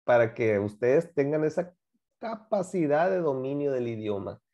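A man's voice: mid-range voice, big pitch swings, moderate pace, mellow, highs cut off. A man teaching a class, patiently explaining grammar and repeating examples while asking students to join in. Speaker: English teacher.

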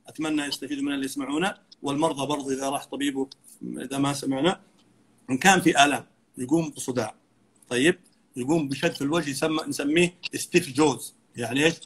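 Fast husky-voiced man explaining. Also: a little high, a bit bright. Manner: earnest, lecturing, mixes in English medical terms. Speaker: dentist guest. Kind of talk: explanatory interview talk.

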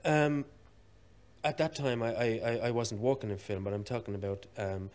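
A man's voice: medium pitch, steady tone, normal speed, darkish tone. A man with an Irish accent, an actor telling wry anecdotes in a television interview, hesitating often with ums and uhs. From Ireland. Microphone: television studio microphone.

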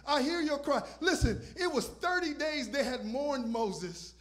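Speaking unhurriedly, a high-voiced visiting pastor preaches from a purple-lit church stage, holding his microphone. His delivery swings from loud shouts down to soft, nearly whispered asides.

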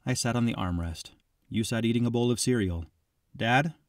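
Guy reading a novel out loud, reflective and confiding, mid pitch, dry close sound. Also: a little fast, no echo. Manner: reflective, confiding, addressing the listener as "you". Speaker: audiobook narrator. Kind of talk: first-person audiobook narration.

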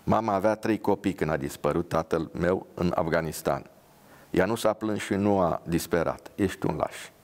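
A man's voice: deep voice, a little mellow. A man voicing a pious, blunt young woman dressed as a nurse, with an earnest, scolding manner.

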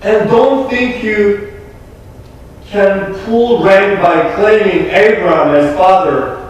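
A young man with a Korean accent, a pastor delivering an earnest, emphatic sermon with deliberate pauses. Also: high-pitched. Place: small church sanctuary. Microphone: room mic from a distant camera. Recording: echoey church from far off.

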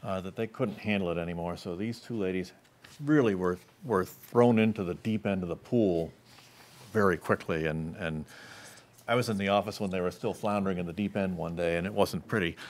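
A man with a low voice speaks at a town board budget meeting, measured and hedging, often restarting his sentences. He talks into a table microphone in a municipal meeting room. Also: a little mellow. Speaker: select board member.

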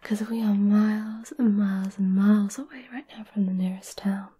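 A woman doing a whispered role-play as a gentle, caring witch, soothing and a little hesitant, close to the microphone. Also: medium pitch, steady tone, normal speed. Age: 20s. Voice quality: breathy whisper. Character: gentle, caring centuries-old witch offering potions. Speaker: ASMR performer. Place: small candlelit indoor room.

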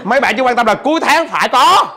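A middle-aged man from Vietnam, giving an animated, joking seminar talk as a business trainer, repeating words and questioning his audience. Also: extremely high pitch, fast.

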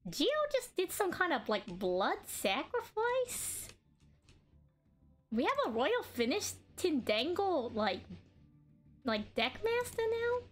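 A woman's voice: high voice, sing-song, slow pace, soft background music. A woman streaming a card game, chatting casually and bubbly, laughing often and talking while she eats.

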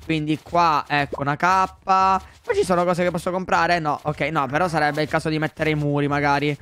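A young man narrates his game to viewers in a high, smooth, clear voice. He is excitable and quick to exclaim at whatever happens on screen. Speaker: gaming YouTuber. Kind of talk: Let's Play commentary.

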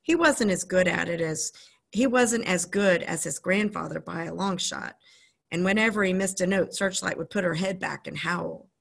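A woman's voice: on the low side, normal speed, creaky. A woman reading a children's chapter book aloud to her listeners, with casual, friendly asides between passages. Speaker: storyteller reading a children's novel.

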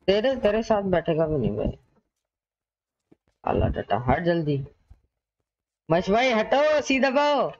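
A young man chatting excitedly and joking with friends during an online shooter game. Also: high-pitched, takes it slowly, long pauses. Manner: excited, pleading, joking banter. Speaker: gamer. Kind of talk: casual gaming chat. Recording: dull lo-fi voice chat.

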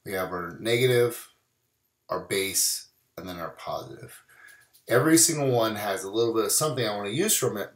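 Over a screen-recorded photo-editing tutorial, a lowish male voice rings with reverb. The speaker, whose voice is still mending after bronchitis, keeps things casual and relaxed, saying "we're gonna" many times.

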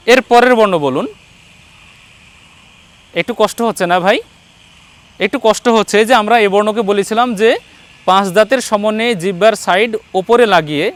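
In a clean, high-pitched voice with no room sound, this man coaches a single student in Quran recitation. He demonstrates every letter sound with patience and offers encouragement throughout the pronunciation lesson.

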